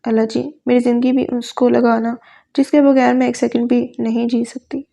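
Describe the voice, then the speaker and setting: A woman's voice: fairly high pitch, flat delivery, gravelly, mellow. A woman voicing a young woman who prays and pleads for mercy. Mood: pleading. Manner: pleading, prayerful. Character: young woman praying tearfully for her beloved.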